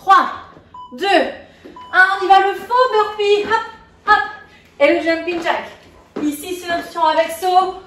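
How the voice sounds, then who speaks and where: A woman fitness coach leads a live workout while moving, counting reps and checking in on her class in an indoor room with a window. Her very high voice is steady, unhurried, and a bit bright, with frequent pauses. The room is echoey, the mic is at a distance, and there's slight background noise.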